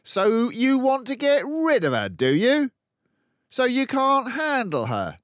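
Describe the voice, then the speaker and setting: A man reading a children's storybook voices a furious, tyrannical headmistress, a huge middle-aged woman, in a very high, exaggerated register above his natural pitch with huge pitch swings. Slow and outraged, she barks, bellows and snorts with contempt, in a dry, lo-fi, fairly bright recording.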